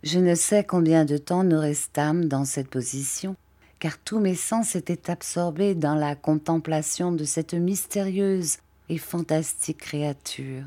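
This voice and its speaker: A woman narrating a classic tale aloud with a measured, expressive delivery. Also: low voice. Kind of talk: literary story reading.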